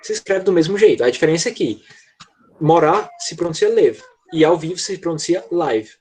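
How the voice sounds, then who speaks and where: A man teaching a grammar lesson in an online class, patiently checking in with his students and slowing down to model words. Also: fairly high pitch, expressive, darkish tone, breathy edge. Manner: slows down to model English words. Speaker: English teacher.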